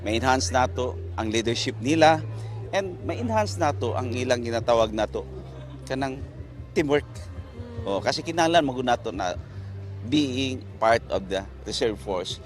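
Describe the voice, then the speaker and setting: A man's voice: mid-range voice, expressive, a little slow, long pauses, soft background music. A man with a Visayan Filipino accent giving an interview soundbite as a military reserve officer, switching in and out of English. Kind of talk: interview soundbite, mixing English with local speech.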